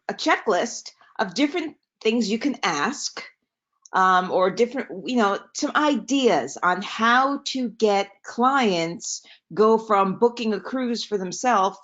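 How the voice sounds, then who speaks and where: A woman teaching a live webinar over a video call, chatty and quick to correct herself as she goes. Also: fairly high pitch. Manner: chatty, self-correcting, lively asides. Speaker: webinar trainer. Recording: slightly dull, lo-fi webinar audio.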